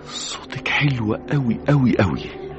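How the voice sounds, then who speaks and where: A man's voice: medium pitch, animated, measured pace, lightly acted. An actor with an Egyptian accent playing a lovesick young man who pleads tenderly and intensely in a radio drama. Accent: Egyptian Arabic. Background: music.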